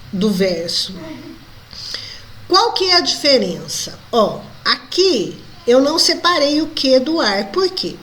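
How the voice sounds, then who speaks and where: A woman's voice: high voice, fairly bright tone, a little hiss or hum. Brazilian woman teacher explaining patiently. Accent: Brazilian Portuguese. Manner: explanatory, checks in with frequent tag questions. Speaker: Portuguese language teacher. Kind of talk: recorded online lesson.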